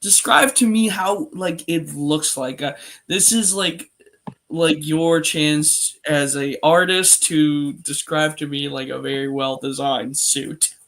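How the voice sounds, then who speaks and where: A man's voice: on the high side, steady tone, slow, fairly bright tone. A man running a tabletop game as game master, hesitant and full of fillers.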